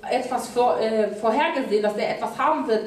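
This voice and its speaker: A woman's voice: a little high, a little fast. A young woman working as an interpreter at a church service, steadily repeating the sermon phrase by phrase. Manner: steady, plain delivery following the preacher phrase by phrase. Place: large church hall with stage. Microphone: handheld mic, filmed from far. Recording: very echoey church hall, distant mic.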